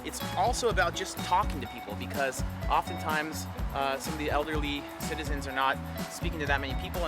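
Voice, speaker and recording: A man hosting a vlog, presenting in an upbeat, energetic way. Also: a little high. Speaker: vlog host.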